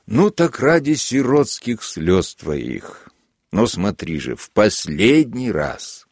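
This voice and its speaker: A man's voice: lowish voice, very animated, slow, no echo, studio quality, full character voice. Man reading as a sadistic mock-kindly lieutenant. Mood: mock-gentle. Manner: sanctimonious, syrupy, then gleeful shouting.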